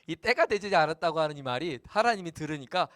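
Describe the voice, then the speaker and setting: A male pastor gives a lively, playful sermon with a fairly high-pitched voice. He keeps his congregation engaged with an animated delivery. The sound is close and dry, with no room echo. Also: quick pace.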